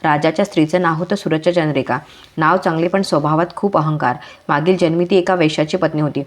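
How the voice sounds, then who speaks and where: A woman narrating a devotional folk tale in measured, rhythmic short phrases. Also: deep voice, steady tone.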